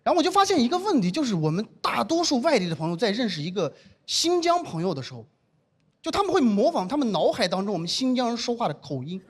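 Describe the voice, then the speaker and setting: High, lively man from Xinjiang. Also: quick pace, husky. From Xinjiang, China. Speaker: stand-up comedian. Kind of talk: stand-up comedy opening.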